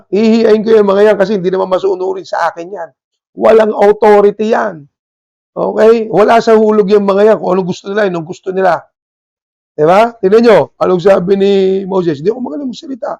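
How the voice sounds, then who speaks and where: A man's voice: high-pitched, vocal fry, dark tone, highs cut off. A man with a Filipino accent, preaching a sermon in a mix of Tagalog and English, full of rhetorical questions and emphatic asides. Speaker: pastor.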